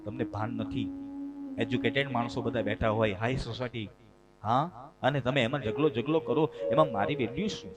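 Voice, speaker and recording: A man's voice: mid-range voice, moderate pace, lightly acted. A man voicing a proud, irritable grown son, a doctor, who scolds in a haughty way. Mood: scolding.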